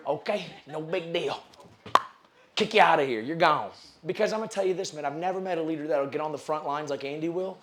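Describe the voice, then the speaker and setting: A man's voice: a little fast, fairly bright tone, slight background noise. A man giving a motivational sales seminar speech in a hall, preaching and calling out to the audience. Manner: high-energy, preachy, calls out to the audience. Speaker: sales speaker.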